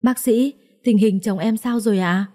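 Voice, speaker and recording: A woman voicing an anxious, devoted young wife in a storybook reading, speaking softly and politely. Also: a little high, moderate pace, lightly acted. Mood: worried, caring. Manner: soft, pleading, polite.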